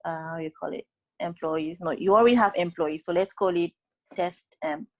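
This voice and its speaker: A woman with a fairly low voice leads a study session, explaining each step of a database exercise. She keeps asking "right?" to check that her classmates follow, and she corrects mistakes bluntly. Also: moderate pace, darkish tone, poor audio. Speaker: student tutor leading a database class session.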